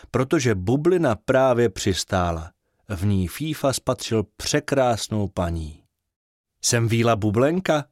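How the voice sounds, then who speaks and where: Lively male bedtime storyteller. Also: lowish voice, dry recording, studio quality. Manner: expressive, sing-song storytelling. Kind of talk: reading a children's bedtime story.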